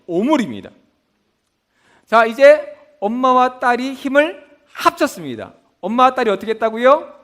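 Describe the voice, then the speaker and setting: A man's voice: extremely high pitch, a bit bright. A man teaching a Bible school lesson with memory tricks, often asking the class a question and then answering it himself. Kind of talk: mnemonic lesson with call-and-response questions.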